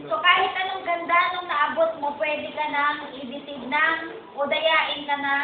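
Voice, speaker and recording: A woman teaching a Bible study, retelling a preacher's points and repeating "he said" again and again. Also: high voice. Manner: keeps repeating "sabi niya" while retelling a preacher's points. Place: chapel hall. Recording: tinny, echoey, distant lo-fi hall recording.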